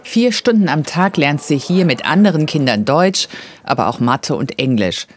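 A woman narrating a scripted news report calmly and clearly. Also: low voice, moderate pace.

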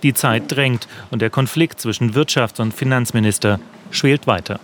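A man reading a news report voice-over in an even, matter-of-fact way. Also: medium pitch, moderate pace, a little hiss or hum.

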